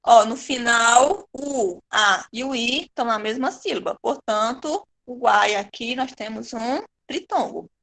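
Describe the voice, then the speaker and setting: High-voiced teacher with a Brazilian accent. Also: female voice, fairly bright tone. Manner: patient, repeats words slowly to demonstrate syllables. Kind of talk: online Portuguese grammar lesson.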